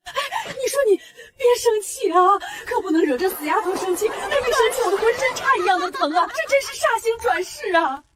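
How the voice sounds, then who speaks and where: A woman's voice: high voice, very animated, fairly quick, pauses often, crowd noise, noisy background. An actress playing a long-suffering village mother in a comic costume drama, wailing and grumbling in exasperation. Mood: panicked, wailing.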